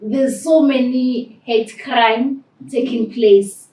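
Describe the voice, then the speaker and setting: Woman co-host, earnest, says like a lot, slightly high voice, echoey room. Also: slow pace, darkish tone. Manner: earnest, searching, hesitant starts with "like". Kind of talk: studio talk show. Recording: roomy sound from a distant mic.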